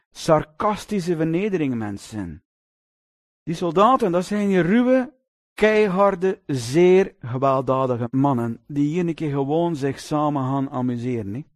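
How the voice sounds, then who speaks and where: Male preacher, emphatic, questions to the congregation, slightly high voice. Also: darkish tone, dry recording, studio quality. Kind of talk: sermon.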